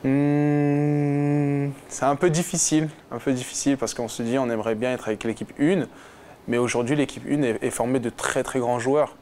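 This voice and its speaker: A man's voice: mid-range voice, steady tone, normal speed, a little mellow, slight background noise. A man in his twenties, a football player, answering interview questions casually and hesitantly, with many fillers and restarts. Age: 20s. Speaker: footballer guest.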